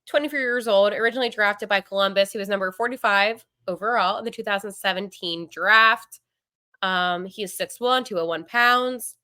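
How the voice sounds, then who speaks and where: Woman, podcast host, chatty, opinionated, clear smooth voice, dry sound. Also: mid-range voice, bright, forceful tone, dry recording. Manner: chatty, opinionated, with frequent fillers and asides. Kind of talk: casual solo podcast commentary.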